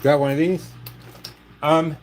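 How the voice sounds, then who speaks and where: An older man hosts a relaxed live stream, tossing out dry, wisecracking remarks to his viewers. His voice sits fairly high for a man. Faint clicks and clattering coins from a game machine are heard behind him. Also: takes it slowly, background noise. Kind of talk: casual live-stream chat.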